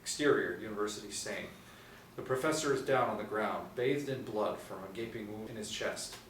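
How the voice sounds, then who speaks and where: In an echoey small room, with a distant mic catching faint noise, a middle-aged narrator sits reading stage directions from a tablet at a table read. He speaks at normal speed in a fairly low-pitched voice.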